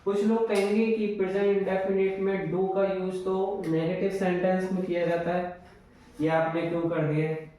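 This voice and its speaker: A man teaching English grammar in a slow, explanatory way, repeating his examples. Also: high voice, level tone, warm tone. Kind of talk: classroom lesson in Hindi. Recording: very echoey room, voice from far off.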